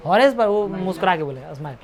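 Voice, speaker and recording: Casual teacher explaining a story. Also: male voice, sits high, expressive. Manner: casual Hindi-English mix, reads English lines slowly and haltingly; chatty, jokes and scolds the class. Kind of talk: classroom lesson explaining an English story.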